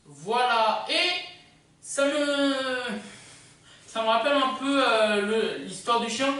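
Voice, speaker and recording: A video host presents a countdown casually and without a script, rambling, hesitating and often drifting into asides. The medium-pitched voice takes its time, with music playing in the background, recorded in an echoey room from a distant microphone.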